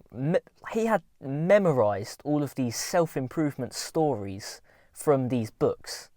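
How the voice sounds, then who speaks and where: A man's voice: mid-range voice, a little mellow, dry recording, studio quality. A young man talking casually to camera, giving earnest, informal self-improvement advice.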